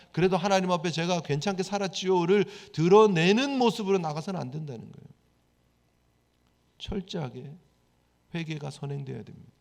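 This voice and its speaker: A man's voice: on the high side, creaky, darkish tone. A man preaching a sermon as pastor, talking conversationally and asking rhetorical questions. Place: church sanctuary. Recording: long church hall reverb.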